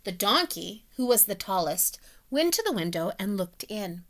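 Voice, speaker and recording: A woman's voice: mid-range voice, big pitch swings, moderate pace, fairly bright tone. A woman reading a children's picture book aloud, as a teacher telling the story with voiced animal sounds.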